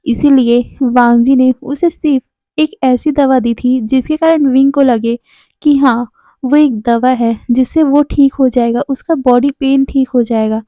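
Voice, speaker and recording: A woman's voice: high-pitched, steady tone, measured pace, mellow, no echo. A woman narrating a story casually, adding explanatory asides and correcting herself. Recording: dull lo-fi dry sound.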